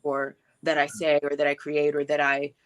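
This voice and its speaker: A woman's voice: deep voice, completely flat delivery, moderate pace, clear, resonant tone. A woman in her thirties, a filmmaker guest on a talk show, talking reflectively about her life with frequent fillers and easy laughter. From born in Hawaii, grew up in Texas. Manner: reflective, laughs easily, many filler words. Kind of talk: casual talk show interview.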